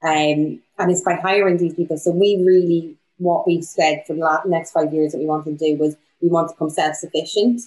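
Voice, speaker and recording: A woman's voice: deep voice, a little mellow, rough recording. A young woman from Donegal with a west of Ireland accent, chatting casually and candidly as she answers questions in an interview. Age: young adult. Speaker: small business owner in film production.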